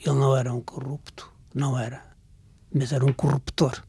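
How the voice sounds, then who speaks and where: An older writer and journalist with a European Portuguese accent reminisces as a radio interview guest, halting, breaking off words, and sometimes dropping to a near whisper. His medium-pitched voice is flat, mellow, and slightly rough, in a dry recording.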